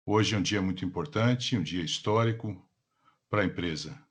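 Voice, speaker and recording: A man's voice: low-pitched, moderate pace, breathy edge. A Brazilian man working as a simultaneous interpreter, delivering a formal business presentation.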